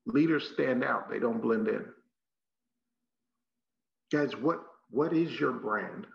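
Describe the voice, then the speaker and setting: In a muffled, echoey room, a Texan man delivers a leadership training talk meant to motivate, repeating phrases for effect in an emphatic, folksy way. His voice is medium-pitched, slow, and creaky, with a Texas accent.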